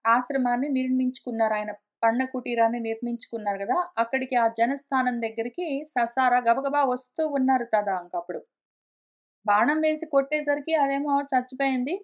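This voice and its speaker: A high-pitched woman leads a scripture lesson. She chants each verse slowly, line by line, then unpacks it in relaxed, conversational storytelling. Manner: slow chanting of verses, then plain explanation. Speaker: scripture teacher. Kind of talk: explaining Sanskrit verses in Telugu. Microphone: conference call line.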